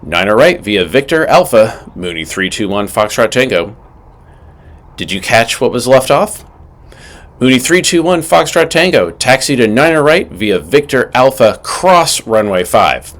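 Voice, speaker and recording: A man with a medium-pitched voice and big pitch swings delivers scripted instructional narration as an aviation instructor, taking his time. He's methodical and emphatic, working in acted examples of radio calls.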